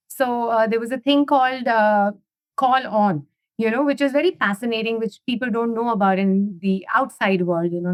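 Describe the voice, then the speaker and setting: A woman's voice: on the high side, dry recording. Chatty woman. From India. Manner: chatty, with many "you know" and "right?". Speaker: guest. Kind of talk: casual interview conversation.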